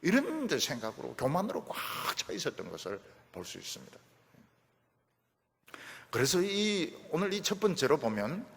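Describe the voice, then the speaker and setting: A middle-aged male pastor preaching an animated sermon, repeating phrases for emphasis. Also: medium pitch, in a large hall.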